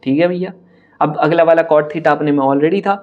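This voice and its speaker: A young man teaching an online maths lesson for exam prep in speech, talking straight to his students in a brisk, chatty, teasing way. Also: on the high side, fairly even intonation, highs cut off. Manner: brisk, chatty, addresses students directly, mocks hard-looking questions.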